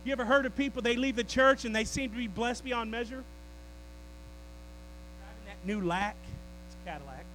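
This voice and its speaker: Male preacher, high voice, very animated delivery; faint hum underneath. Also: normal speed, pauses often, low-quality recording. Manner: animated preaching that swings from loud declarations to low asides with the congregation. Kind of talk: sermon.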